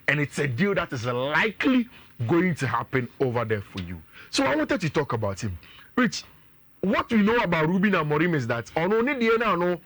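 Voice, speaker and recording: A male sports pundit with a Ghanaian accent delivers energetic, analytical talk on a radio show, mixing in local phrases. His voice is on the high side, with no echo.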